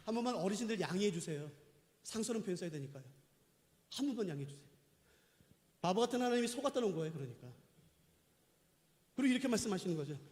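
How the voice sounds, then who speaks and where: A man pastor preaching a sermon in an animated, dramatic way, questioning the congregation in a large church hall. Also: high-pitched, fast talker, pauses often. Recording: echoey church hall with long reverb.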